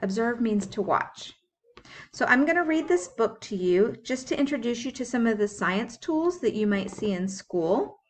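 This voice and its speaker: With a slightly high voice and a faint hiss or hum in the audio, a woman teacher reads science aloud to little kids. She breaks ideas down simply and asks her audience questions along the way.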